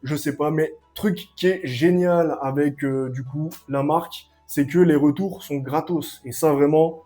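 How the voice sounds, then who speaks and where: A young man giving a casual, excitable clothing review at home, full of slang and hype. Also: a little high, a little slow, soft background music. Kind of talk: casual product review vlog. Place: at home, sitting and standing up to show clothes.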